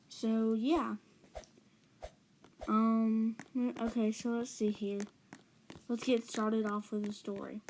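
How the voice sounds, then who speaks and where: A chatty woman narrates a personal story over gameplay in a fairly high voice. She talks slowly and rambles, throwing in dramatic gasps. A faint hiss sits under her voice. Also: mellow, poor audio. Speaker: gaming channel storyteller.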